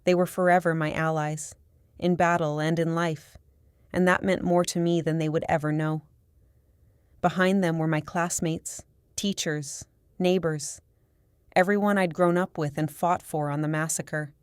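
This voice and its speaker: A woman narrating a first-person audiobook in a steady, measured storytelling manner. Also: low voice, clear, resonant tone, dry recording, clean studio sound.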